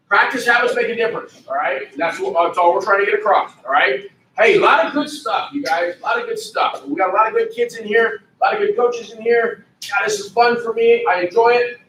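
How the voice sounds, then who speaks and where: A man's voice: very high voice, fairly bright tone, slight background noise. A man coaching youth wrestling, barking commands and giving a pep talk to the kids. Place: indoor wrestling room. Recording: echoey gym from far off.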